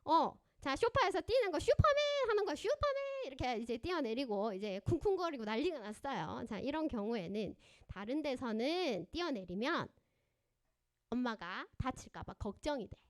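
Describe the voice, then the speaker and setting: A woman counselor giving a parenting seminar at a church, animated and often quizzing her audience with questions. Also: high voice, normal speed. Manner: acts out parents and children in lively voices.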